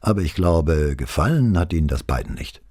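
A man's voice: low voice, very animated, brisk, darkish tone, no room sound, studio quality. A man voicing a nervous, evasive male foreman being questioned, in a slightly raised voice for an audiobook. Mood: uneasy. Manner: uneasy, evasive.

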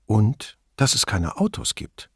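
A brisk, teasing Neapolitan policewoman, as a male audiobook reader puts her on. Her voice sits higher and swings widely in pitch. The recording is close and dry. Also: huge pitch swings, fairly bright tone, husky, no echo, exaggerated voice. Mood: enthusiastic. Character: lively Neapolitan woman police officer, curious. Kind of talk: audiobook dialogue.

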